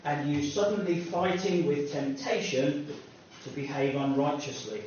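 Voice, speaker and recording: A man's voice: fairly high pitch, a little slow, darkish tone, slight background noise. A man preaching a sermon in a conversational, self-deprecating way with personal asides, recorded from a distance in an echoey hall. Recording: echoey distant room mic, dull sound.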